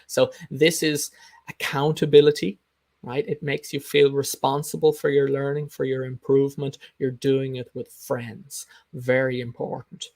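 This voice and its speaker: Man, lowish pitch, creaky edge, dry sound, speaking coach, informal live lesson, emphatic, instructive, repeats key points. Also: little pitch movement, measured pace, darkish tone, no room sound. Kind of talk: informal live teaching talk, explaining and answering comments.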